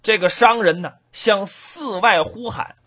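A man telling a folk tale in an animated, rhythmic oral storytelling style. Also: sits high, a little slow, husky.

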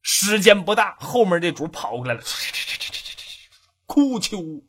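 A man telling a traditional comic story in a lively, dramatic, rhythmic way. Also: high voice, unhurried, noisy background.

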